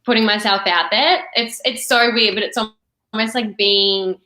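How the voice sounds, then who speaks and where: A woman in her twenties with an Australian accent, answering interview questions in a chatty, relaxed way with many likes and ums. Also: medium pitch, measured pace, echoey room, a little hiss or hum, poor audio. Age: 20s. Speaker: guest.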